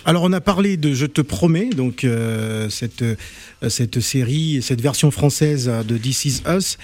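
A man hosting an interview, putting questions to his guests in a hesitant way with many pauses. His voice sits at an ordinary middle pitch. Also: lively intonation. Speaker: interview host.

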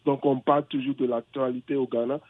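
A man's voice: medium pitch, flat delivery, fairly quick, no room sound. Man calling in over a tinny phone line. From England. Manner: hesitant, searching for words, with many restarts. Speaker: caller. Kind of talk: phone-in conversation. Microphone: telephone.

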